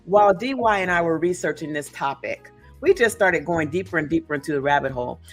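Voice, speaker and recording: This podcast host and author speaks in a low voice with lively intonation, a little fast, while soft music plays underneath. Hosting her talk show, she chats casually, emphatic and story-driven, with frequent asides.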